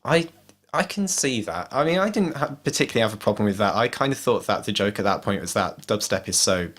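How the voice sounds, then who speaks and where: A man's voice: lowish voice, expressive, fast, a bit bright. A man co-hosting a podcast, talking casually about an album and sometimes stumbling over words. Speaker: podcast co-host. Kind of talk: casual music review chat.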